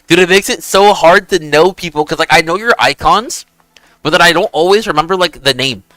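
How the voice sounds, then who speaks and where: A man's voice: on the high side, brisk, pushed and bright, dry recording, poor audio. A young man chatting casually on a game livestream in hyped gamer-bro slang, swearing freely. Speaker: game streamer. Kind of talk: casual livestream chat and gaming commentary.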